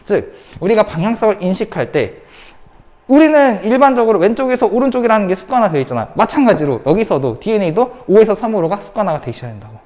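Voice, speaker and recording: A woman's voice: mid-range voice, sing-song, fast, darkish tone, in a large hall. A woman teacher giving an online science lecture, repeating key points and asking the class rhetorical questions. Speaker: high school science teacher.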